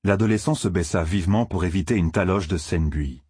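A man reading a novel aloud in steady, measured audiobook narration. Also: low-pitched, breathy edge, no echo, studio quality.

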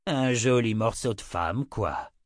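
A man voicing a grudging, leering male innkeeper who speaks slowly. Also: mid-range voice, animated, no room sound, studio quality. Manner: slow and grudging.

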